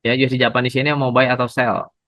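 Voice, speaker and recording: Seorang pria membawakan pelajaran trading daring secara langsung, sabar menjelaskan dan menyapa pendengar dengan "Bapak Ibu". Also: male voice, mid-range voice, level tone, quick pace, bright, forceful tone, no room sound, poor audio. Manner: patient, addresses audience as Bapak Ibu. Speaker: trading instructor. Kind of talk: live online trading lesson.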